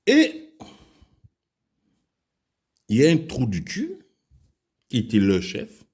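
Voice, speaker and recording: Speaking slowly with huge swings in pitch, a Gabonese commentator with a mid-range, darkish, husky voice recounts an angry, crude personal story. He has a Gabonese French accent and speaks out against the country's leaders, his storytelling heated and repetitive.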